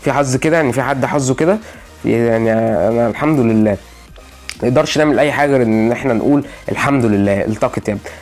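Young Egyptian-accented male gamer, mid-pitched, rattling off frustrated commentary at top speed. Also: darkish tone. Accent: Egyptian Arabic. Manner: exasperated, repeating himself, pleading with the game. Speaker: gaming channel host. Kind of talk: gaming commentary while opening loot boxes.

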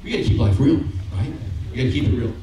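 A middle-aged man preaches quickly in a medium-pitched voice, the recording's highs cut off. He roams the stage holding a mic and keeps the sermon conversational, tossing in "okay?" and "right?" often. A distant camera captures him in a brick-walled sanctuary that echoes heavily, with some faint noise.

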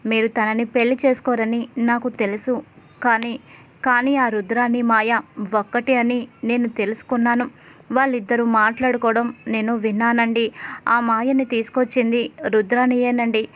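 A woman's voice: on the high side, little pitch movement, moderate pace, dull audio, lightly acted. Determined young wife, read by a woman. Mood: earnest. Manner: firm, vowing.

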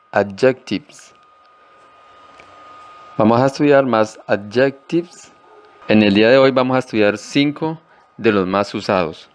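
Slow, deliberate male language teacher. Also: lowish voice, clean tone. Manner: slow and deliberate, repeating each word carefully. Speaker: English teacher. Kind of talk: slow-paced language lesson.

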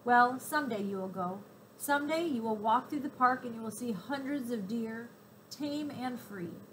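A woman reading aloud, voicing a calm, gentle mother speaking to her daughters. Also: on the high side, moderate pace, a little hiss or hum, close to an everyday voice, rough recording. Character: calm, warm mother of two girls.

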